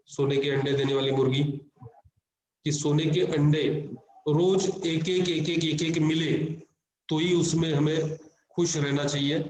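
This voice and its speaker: A man's voice: a little high, a little mellow. A man teaching financial planning over an online call. He explains each point several times in different words, and his voice comes through echoing and smeared. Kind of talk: online lecture. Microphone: video call.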